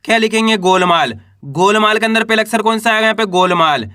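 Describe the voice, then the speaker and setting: A man teaching Hindi reading, who asks a question and then answers it himself, drawing out each syllable slowly as he sounds out the letters. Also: high-pitched, sharp tone, no echo, studio quality. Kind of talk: patient step-by-step spelling lesson.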